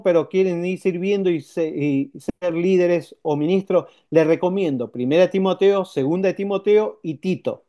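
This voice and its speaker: A man preaches a sermon in a high-pitched voice. His tone is mellow and warm rather than sharp. He talks to the congregation conversationally, repeating key points and asking rhetorical questions. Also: lo-fi sound. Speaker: pastor.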